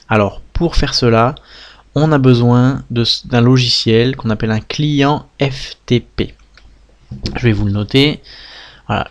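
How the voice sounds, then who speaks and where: A man, patiently walking viewers through a software tutorial step by step, often checking "d'accord?". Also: medium pitch. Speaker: web tutorial instructor. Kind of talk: screen-recorded software tutorial.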